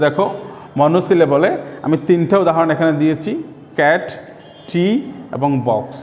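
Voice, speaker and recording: A man teaching an online English lesson for primary school pupils, explaining patiently and sounding out example words slowly, syllable by syllable. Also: on the high side. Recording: echoey room, dull lo-fi sound.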